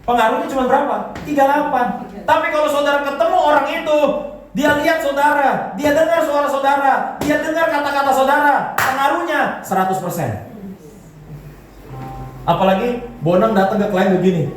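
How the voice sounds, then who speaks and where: A man's voice: very high-pitched, steady tone, normal speed. A man, a pastor, giving a joking and conversational sermon to a congregation and leading them in gestures. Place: large church hall. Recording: echoey hall, voice from far off, faint music.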